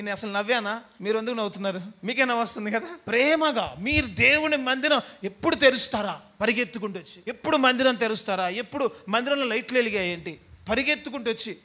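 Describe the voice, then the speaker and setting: A man's voice: high-pitched, sharp tone. A man preaching a sermon to a congregation in a church hall, teasing and scolding his listeners and acting out the voices of people in everyday scenes. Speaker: pastor.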